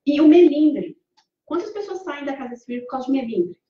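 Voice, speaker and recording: Brazilian woman, spiritual talk, chatty, quizzes the room; dark mellow tone, dull distant recording. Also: high-pitched, animated, a little fast. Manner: conversational, asks the audience questions, acts out quoted speech. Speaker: speaker giving a Spiritist talk. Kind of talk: lecture to a congregation. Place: community hall. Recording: far from the mic, echoey hall, dull lo-fi sound.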